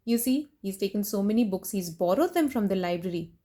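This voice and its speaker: This woman, mid-range in pitch and speaking fairly quickly, reads a children's storybook expressively. She interrupts the story in an animated way to address the children with questions.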